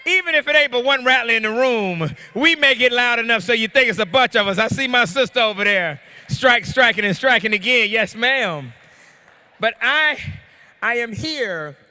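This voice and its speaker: A man presenting an award at a ceremony, loud and excited, calling out to the crowd. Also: very high voice, normal speed, clear, resonant tone, big-room sound. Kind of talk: energetic ceremony speech. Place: large hall.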